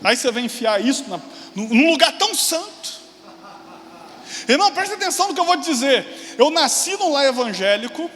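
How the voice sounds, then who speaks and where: Excited exclamations burst out of a very high, lively voice as a pastor in his forties preaches, then he slips into quick asides. His sermon echoes with long reverb across a spacious church hall, a faint hum in the background.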